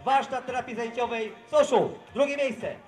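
A man announcing competition results through a megaphone, calling names slowly and formally and often asking for attention. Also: very high voice. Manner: formal, slow calls of names with repeated calls for attention. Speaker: event announcer. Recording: echoey loudspeaker sound with music behind.

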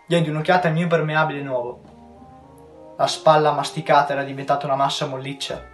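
A teenage boy, a student reader, reading a novel aloud with measured storytelling, in a roomy recording with faint music. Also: on the high side, fairly even intonation. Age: teens.

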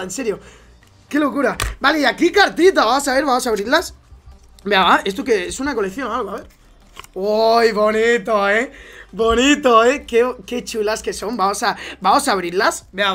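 A man's voice: high voice, a bit bright. A young man with a Spain Spanish accent, a gaming YouTuber gushing through an unboxing in slangy casual chat. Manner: gushing, repeats exclamations, slangy. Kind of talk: excited unboxing vlog.

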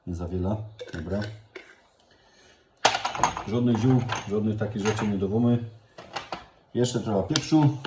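Slow-talking man with a Silesian accent. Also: on the low side. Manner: chatty, folksy, instructing step by step. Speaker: home cook hosting a cooking video. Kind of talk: casual cooking demonstration. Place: indoor kitchen. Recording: echoey room with loud kitchen noise. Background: clattering dishes, cutlery and pans.

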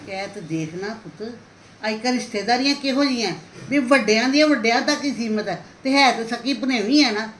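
A woman playing a middle-aged aunt in a homemade family drama, speaking in a quiet, consoling way. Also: on the high side, a little fast, natural voice. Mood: soothing. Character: middle-aged aunt, soothing, indignant at relatives. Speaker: paternal aunt in a family skit. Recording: echoey room, faint hiss.

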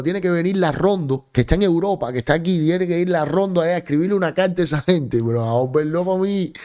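A man's voice: on the high side, a little mellow. A Cuban man with a Cuban accent, hosting a live stream and commenting emphatically, stressing points by repeating words and greeting viewers.

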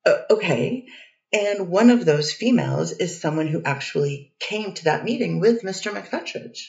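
Here a woman plays a poised defense attorney in a readers theater courtroom reading, working through cross-examination one careful question at a time with a steady mood. Her lowish, slightly mellow voice is animated, with vocal fry and a moderate pace. She sits far from the mic in a roomy, echoing space, so the sound is dull and muffled.

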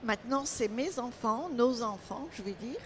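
A woman's voice: on the high side, animated, normal speed, fairly bright tone, slight background noise. An older woman from Lorraine, a retired baker, proudly describing her family's traditional products in a casual interview at a trade fair stand, speaking into a handheld mic. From Lorraine, France. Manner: proud, storytelling about family recipes. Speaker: baker and caterer, retired owner. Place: trade fair stage, indoors.

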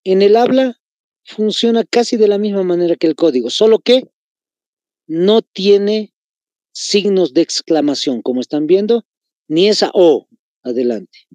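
Bolivian man, patient teacher, slightly high voice, dry close sound. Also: animated, unhurried, long pauses, darkish tone, no room sound. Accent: Bolivian Spanish. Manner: explains patiently, repeats key phrases, addresses students as chicos. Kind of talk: online class lesson.

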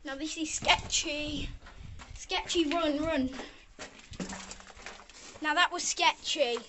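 A woman vlogging outdoors, excitable and quick to get scared, with lots of exclamations. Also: high-pitched. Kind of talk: casual vlog commentary. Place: outdoors on a cliff walk and at a zoo. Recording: dull lo-fi sound with wind noise outdoors.

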